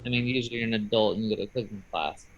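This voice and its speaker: A man's voice: lowish voice, steady tone, rapid-fire, lo-fi sound. A man who does magic, talking casually and rambling upbeat on a video call. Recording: faint noise on a video call.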